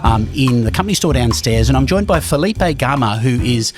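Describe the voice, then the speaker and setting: Fast-talking podcast host, man. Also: medium pitch, animated, over music. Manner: chatty, asks rambling stacked questions. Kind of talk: casual interview chat.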